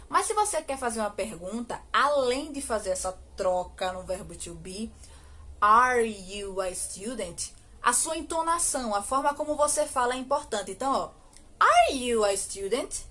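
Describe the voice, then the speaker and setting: Teacher, Brazilian woman, fairly high voice, patient drilling tone, stretches example sentences slowly. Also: a bit bright. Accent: Brazilian Portuguese. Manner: slow, drawn-out model English sentences between quick explanations; asks rhetorical questions, frequent "ok?". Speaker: English teacher. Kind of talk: recorded online grammar lesson.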